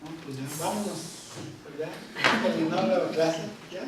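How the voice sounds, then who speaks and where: Male Bible teacher, high voice, slow and repetitive delivery, picked up from a distance in a reverberant hall. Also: very noisy. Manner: slow, repeats key words, checks in with "¿Ok?". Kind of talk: Bible study class. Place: church hall. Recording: echoey hall, voice from far off.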